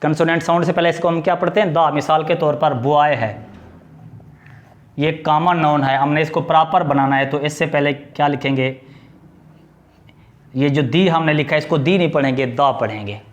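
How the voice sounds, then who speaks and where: A man with a slightly higher voice than most men teaches a grammar lesson on video. He keeps putting questions to the viewer and then answers them himself. He explains patiently and goes back over the key points. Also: steady tone, normal speed, pauses often. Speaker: English teacher.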